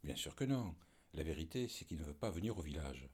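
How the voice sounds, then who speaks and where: A man reading aloud and voicing a sly young man from a Provençal village, speaking in a lively, confiding way. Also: rumbling low, fairly quick, breathy edge, full character voice.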